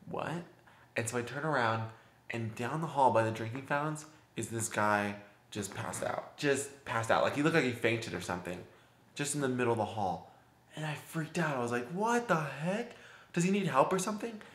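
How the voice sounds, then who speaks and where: A man's voice: lowish voice, a bit bright. A young man vlogging, chatty, laughing often and acting out voices as he tells a story. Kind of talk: casual storytelling. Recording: roomy echo.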